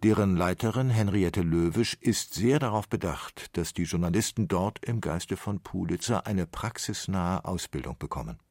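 A man narrating a radio documentary in a measured, scripted way. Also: deep voice, lively intonation, darkish tone, no room sound. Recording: voice over music.

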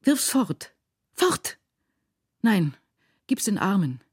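A woman's voice: medium pitch, very animated, very slow, breathy edge, no echo, studio quality, pitched above the performer's own voice, heavily acted. A woman reading aloud, voicing an anguished, poor widowed village mother who speaks urgently and vehemently. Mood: pleading.

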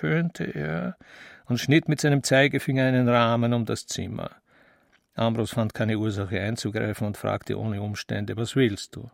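Gravelly-voiced man reading prose. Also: fairly low pitch, no echo, studio quality. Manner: calm storytelling narration, voices characters lightly. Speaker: narrator. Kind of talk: audiobook reading of literary prose.

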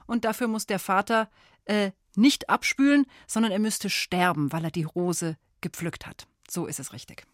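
A woman's voice: mid-range voice, normal speed, no echo, studio quality. A woman hosting a children's call-in quiz on the radio, friendly and encouraging with young callers. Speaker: radio show host.

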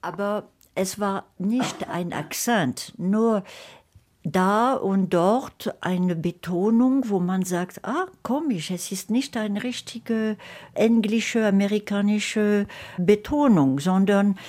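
A woman, a guest alongside her husband, explains things calmly in a radio interview. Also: medium pitch, slow pace. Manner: calm, explanatory, adds to her husband's answers.

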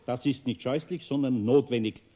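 A man playing a patient, firm but kind master carpenter in a children's radio play, talking calmly and reasoning. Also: mid-range voice, moderate pace, natural voice. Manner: calm, reasoning, coaxing.

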